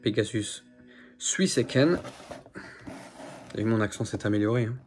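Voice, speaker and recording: A man's voice: fairly low pitch, little pitch movement, fairly quick, dark tone, faint music behind. A man casually showing his figure collection to camera, chatty and rambling, full of fillers and repeats. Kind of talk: casual unboxing chat to camera.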